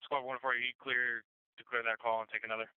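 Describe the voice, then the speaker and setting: A man's voice: mid-range voice, flat delivery, fast, smooth, dry recording. A man working as a fire dispatcher, giving clipped, formal read-backs in the manner of police radio. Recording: narrow phone-like radio channel.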